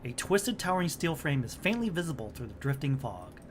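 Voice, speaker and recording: A man's voice: medium pitch, sing-song, a little fast, a little hiss or hum. A man reading the narration of a game story aloud on a stream. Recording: music behind the voice. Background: music.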